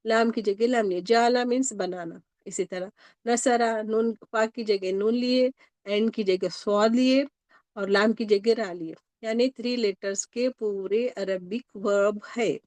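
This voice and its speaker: A woman's voice: medium pitch, darkish tone, no room sound. A woman teacher giving a grammar lesson with a Pakistani Urdu accent, going over each point patiently and often stopping to check that students follow. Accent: Urdu-speaking Pakistani.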